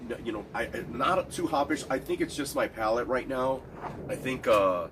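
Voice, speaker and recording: A cigar and MMA betting reviewer with a stuffed-up nose rambles casually in a solo talk about fights and bets, full of restarts and fillers. His mid-range voice has lively intonation and a moderate pace, over a noisy background.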